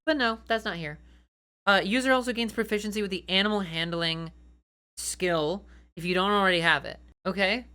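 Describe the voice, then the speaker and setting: Woman, bright and forceful, medium pitch, sardonic comedic commentary, emphatic and incredulous delivery. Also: moderate pace, clean tone. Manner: sardonic, incredulous, swears freely. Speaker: voice actor reviewing tabletop game homebrew. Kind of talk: animated comedic commentary on read-out rules.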